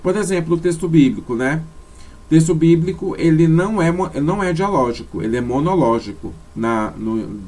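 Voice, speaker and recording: Slightly high and a little mellow, the voice belongs to a man whose first language is Portuguese, teaching a slide lecture. He moves step by step, with many tag questions and frequent self-corrections.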